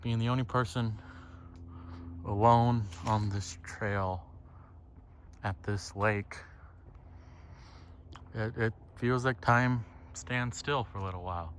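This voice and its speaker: Here the podcaster's voice is fairly low and fairly even in intonation, moving at a slow pace with frequent pauses. He rambles casually and reflectively, cursing freely and often ending phrases with "right?". The clip was recorded outdoors on a lakeside trail, with birdsong and ambient outdoor noise.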